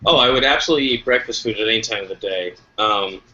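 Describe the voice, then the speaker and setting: A man's voice: on the low side, quick pace, bright, forceful tone, dull audio, a little hiss or hum. A man playing a laid-back roommate in an improv comedy scene, easygoing and defensive, later boiling over. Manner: easygoing, defensive, escalating to outburst. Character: laid-back roommate cooking late brunch.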